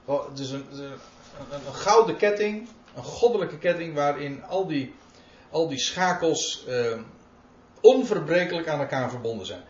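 A man's voice: fairly high pitch, animated, measured pace, slight background noise. A man preaching a sermon, reading out scripture verses and explaining them emphatically. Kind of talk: sermon, Bible exposition. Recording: roomy, dull lo-fi recording.

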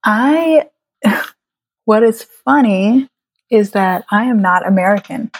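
A woman in her late twenties from Trinidad, a guest in a casual conversation, chatty and quick to laugh. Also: medium pitch, animated, no room sound. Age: late 20s. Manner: laughs often, chatty with fillers. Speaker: guest photographer.

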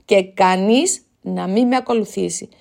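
A woman voicing a courteous young king who speaks gently and reassuringly. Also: medium pitch, lively intonation, vocal fry. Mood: commanding. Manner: gentle, reassuring, then commanding.

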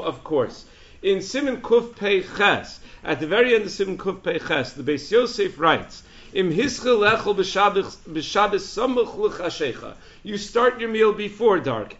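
A man's voice: high-pitched, fairly bright tone, reverberant. A man giving a rabbinic lecture on religious law in a conversational way, posing rhetorical questions and then answering them himself as he explains quoted sources. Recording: dull, lo-fi sound.

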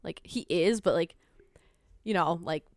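Speaking at a measured pace in a lowish voice, a young woman from Minnesota with a slight local accent chats casually on a podcast. She animates her stories by acting out quotes and laughs often. There's no echo.

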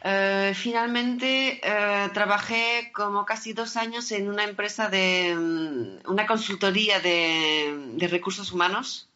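Female podcast guest, non-native, bright forceful voice, halting word searches, slightly dull recording. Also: mid-range voice. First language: not Spanish. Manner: hesitant, searching for words in Spanish. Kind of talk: casual conversational interview.

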